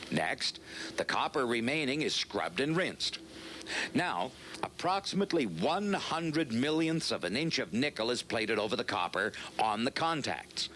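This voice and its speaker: A man reads scripted narration for a vintage industrial training film in a measured, instructional, explanatory way. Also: fairly low pitch, fairly bright tone, a little hiss or hum.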